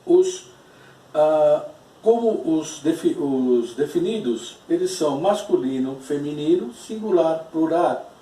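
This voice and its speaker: A man gives a language lesson at an unhurried pace, repeating each key term so it sticks. His voice sits a bit high for a man. He sounds set back from the mic in an echoey room. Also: expressive, mellow, distant mic. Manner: slow, explanatory, repeats key terms. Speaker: Spanish teacher. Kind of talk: recorded classroom lesson.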